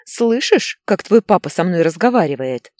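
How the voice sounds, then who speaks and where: A woman's voice: low voice, very animated, a little fast, a little mellow, breathy edge, no echo, studio quality, exaggerated voice. A woman voicing a desperate young mother who screams shrilly and tearfully. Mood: hysterical.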